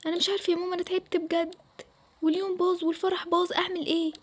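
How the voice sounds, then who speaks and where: A woman's voice: very high-pitched, flat delivery, very fast, voice pushed up. A woman voicing a young bride who is upset and complaining, in an Egyptian accent. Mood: tearful. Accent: Egyptian Arabic. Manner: complaining, pleading. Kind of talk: Toca Boca roleplay voiceover.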